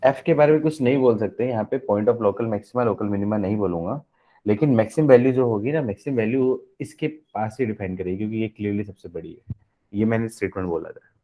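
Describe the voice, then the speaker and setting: A man's voice: on the low side, fairly quick, lo-fi sound. A man teaching a live online maths lecture in a Hindi-mix, explaining step by step and constantly asking the class questions.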